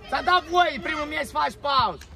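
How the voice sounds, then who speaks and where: High-pitched man, sideline coach, shouted short orders, outdoor pitch, crowd noise behind. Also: lively intonation, vocal fry, recorded from a distance. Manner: barking short commands and player names. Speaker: youth football coach.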